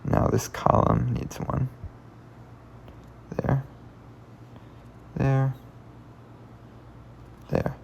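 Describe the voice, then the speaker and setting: A man's voice: mid-range voice, huge pitch swings, very slow, vocal fry, pauses often, slight background noise. A man hosting a puzzle channel, giving casual commentary as he solves puzzles, thinking aloud and often muttering under his breath. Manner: thinks aloud, mutters and half-whispers while working things out.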